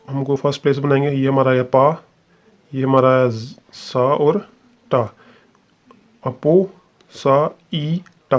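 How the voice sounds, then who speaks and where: A man teaching a shorthand lesson, explaining step by step in a patient, repetitive way and often checking in with the class. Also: mid-range voice.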